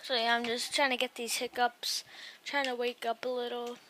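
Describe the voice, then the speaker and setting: A woman's voice: fairly high pitch, flat delivery, normal speed, background noise. A tired young woman with the hiccups, rambling through casual gameplay commentary at her computer. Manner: rambling, trailing off and restarting. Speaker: gaming YouTuber.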